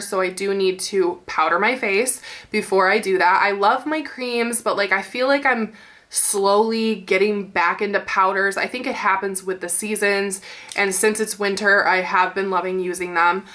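Young woman, nasal stuffy voice, crisp bright tone, chatty gushing beauty vlog. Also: mid-range voice. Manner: gushing, lots of "like" fillers. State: stuffy nose. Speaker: beauty vlogger. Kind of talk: casual chatty product review.

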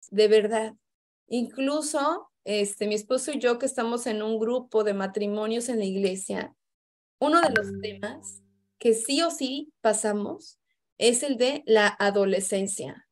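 A woman's voice: a little high, measured pace. A middle-aged woman, hosting and chatting casually about family life, with many fillers and restarts. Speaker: host. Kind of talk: casual personal testimony talk.

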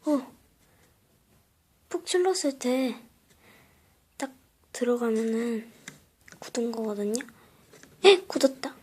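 A young woman chatting casually through a step-by-step craft tutorial at home, often dropping into soft whispers as she works. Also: a little high, lively intonation, takes it slowly, long pauses, breathy edge. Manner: chatty, drops to soft whispers while working. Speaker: craft vlogger.

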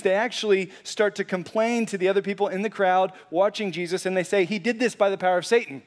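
A pastor preaching a sermon in a conversational, animated way, often saying "like" and restarting phrases. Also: male voice, high voice. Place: church sanctuary.

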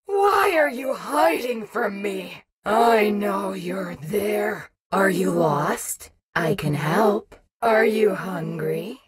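Husky, vain Roxanne Wolf, animatronic wolf. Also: female voice, medium pitch, lively intonation, very slow, few pauses, heavily acted. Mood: menacing taunting. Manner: boastful, taunting, theatrical. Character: vain, competitive animatronic wolf rock star, menacing and insecure. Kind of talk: video game character voice acting.

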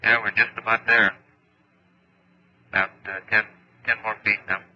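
A man's voice: fairly low pitch, little pitch movement, moderate pace, husky, highs cut off. A man in a spacecraft giving clipped radio reports to the ground, heard over a breaking-up space radio downlink. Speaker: astronaut. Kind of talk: clipped radio procedure talk.

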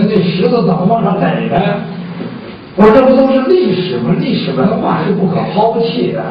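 Man, Chinese pingshu storyteller, high voice, rhetorical conversational delivery, dull distant recording. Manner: conversational, rhetorical questions, acts out short exchanges. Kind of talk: traditional Chinese pingshu storytelling performed live to an audience. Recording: roomy echoing hall, distant mic, dull sound, faint noise.

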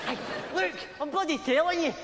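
An actor playing a scruffy, foul-mouthed Glasgow layabout on stage, with a rough street accent and argumentative manner. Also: male voice, very high-pitched, fairly quick. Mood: indignant, scornful. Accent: Glaswegian street accent. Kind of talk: live stage sitcom performance. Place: large theatre stage with audience. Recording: hall reverb, faint noise, old videotape.

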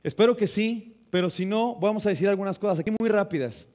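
A young man with a Mexican Spanish accent delivers a sermon in a church, his voice sitting noticeably high for a man. He speaks conversationally, mixes in humor, and keeps turning to the congregation with rhetorical questions. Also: fast talker, darkish tone. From northern Mexico. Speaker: preacher. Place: church sanctuary.

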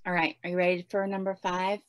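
A woman's voice: fairly low pitch, completely flat delivery, fast, no echo. A woman in her forties giving casual homeschooling advice in a chatty way, with many fillers. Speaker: homeschooling guest speaker.

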